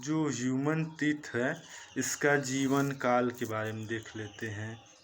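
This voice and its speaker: A man teaching a lesson from slides, speaking slowly and repeating terms as he corrects himself. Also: mid-range voice, steady tone, slight background noise. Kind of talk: slide-based online lesson.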